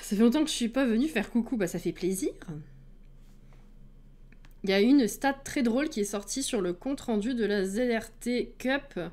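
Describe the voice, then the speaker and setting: A woman with a slightly high voice talks loosely to her live-stream viewers. She greets them one by one and laughs easily between remarks. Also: moderate pace, a little mellow.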